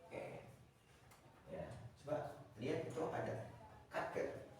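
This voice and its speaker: Rambling teacher in an echoey classroom. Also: male voice, slow pace, a little mellow, recorded from a distance, a little hiss or hum. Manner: rambling, with many fillers and repeated words. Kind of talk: classroom lecture.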